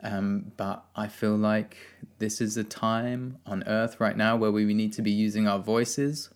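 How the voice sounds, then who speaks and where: A man's voice: lowish voice, flat delivery, a little slow. A young man hosting a solo podcast, talking in an earnest, rambling way with many ums and uhs. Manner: soft-spoken, rambling, earnest, with many fillers. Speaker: podcast host.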